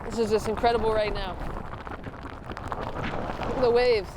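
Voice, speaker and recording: Storm vlogger shouting through roaring, sandy wind. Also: mid-range voice, steady tone, moderate pace. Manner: exclaiming, raised voice against strong desert-like sandy wind. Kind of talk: casual on-location storm vlog narration. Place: outdoors on a windy, sandy beach in a storm. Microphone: lavalier mic with action camera. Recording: loud wind noise buffeting outdoor mic.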